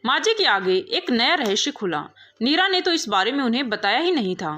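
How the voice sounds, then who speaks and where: A woman's voice: fairly high pitch, a little fast, muffled recording. A woman reading a moral story aloud as narrator, voicing every character in turn. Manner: reads every character herself, expressive.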